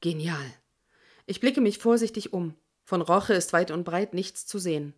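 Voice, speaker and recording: A woman narrating a first-person audiobook in a reflective, measured way. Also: on the low side, darkish tone.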